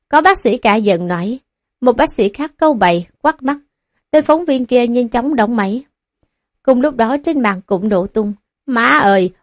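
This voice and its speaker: A woman with a fairly high voice narrates a web novel as an audiobook. She reads the dialogue in the same voice and pushes it louder and brisker for the shouted lines. The recording is close and dry, with no room sound. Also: no room sound.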